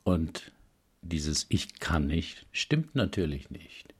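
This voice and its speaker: A man with a very deep, slightly husky voice reads a self-help text aloud. He explains each point in a calm, measured manner, like a patient coach.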